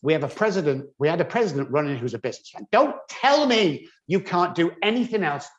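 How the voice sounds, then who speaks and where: Man, higher voice, lively anecdotal storyteller, dull lo-fi audio. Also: brisk. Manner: animated anecdotal storyteller, acts out dialogue. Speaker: addiction recovery specialist. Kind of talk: storytelling interview answer.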